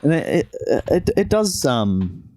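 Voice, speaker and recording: A man's voice: mid-range voice, sing-song, slow, mellow. A young Australian man co-hosting a podcast, teasing and laid-back in casual chat. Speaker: podcast co-host.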